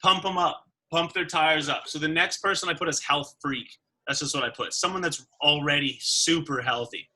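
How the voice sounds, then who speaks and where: Husky, bright-voiced man coaching sales. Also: on the high side, normal speed, hardly any pauses. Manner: animated, acts out quoted dialogue. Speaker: sales trainer. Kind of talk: casual sales training talk.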